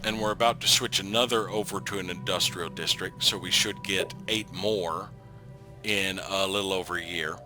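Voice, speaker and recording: A man with a fairly low voice talks through a strategy game as the host of a let's play. He thinks out loud in a relaxed, casual way and often pauses on an "uh" or "um" before going on. Game music plays clearly behind him. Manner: thinks aloud, trailing off with frequent ums. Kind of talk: casual gameplay commentary.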